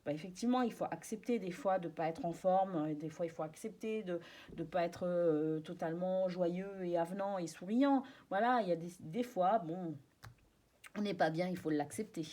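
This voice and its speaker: A woman's voice: on the low side, normal speed. A French-speaking woman doing a casual tarot card reading for her viewers, chatty and reassuring, with many hesitations and restarts. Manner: soft, reassuring.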